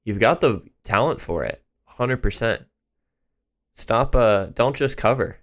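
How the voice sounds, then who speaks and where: A man's voice: medium pitch, lively intonation, a little slow. A man hosting a reaction channel, talking casually and enthusiastically about songs as he thinks aloud.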